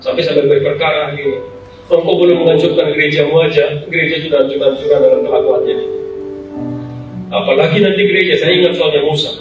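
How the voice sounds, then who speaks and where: A high-voiced male pastor preaches with great emotion, his pitch jumping up and down as he retells the story. He is heard from a distance in a very echoey church hall, with instruments playing behind him. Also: fairly even intonation, fast, dull audio, over music. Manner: emotional, dramatic retelling with sharp swings in pitch. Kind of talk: sermon. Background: musical instrument playing.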